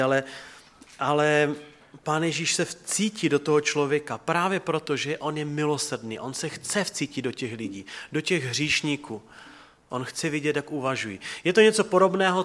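Earnest higher-voiced male preacher. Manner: earnest and conversational, dropping to soft quiet tones. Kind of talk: sermon.

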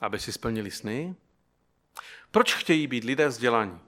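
A man's voice: medium pitch, lively intonation, a bit bright. A man preaching a sermon who keeps asking the listeners rhetorical questions and tells them an illustrative story.

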